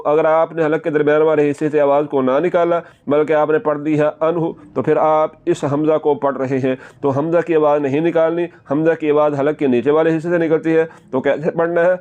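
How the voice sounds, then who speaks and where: A man's voice: on the high side, a little mellow, smooth, highs cut off. A male Quran teacher giving a patient, step-by-step recitation lesson, repeating each word several times and drawing out the long sounds.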